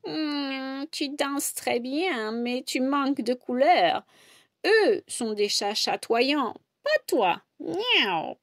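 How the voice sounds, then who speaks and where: A woman voicing a sleepy old female alley cat in a children's storybook, murmuring slowly and softly. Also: high-pitched, animated, dry recording, studio quality, voice pushed up, full character voice. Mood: drowsy. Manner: drowsy, slow and murmuring.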